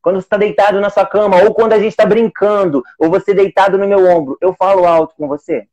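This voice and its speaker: Homem de voz aguda, conversa casual. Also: male voice, sits high, fairly even intonation, fast talker, darkish tone, highs cut off. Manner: rambling, many restarts, quoting his own talks with his son. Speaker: adoptive single father, channel host; teacher of young children. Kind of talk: casual live video chat.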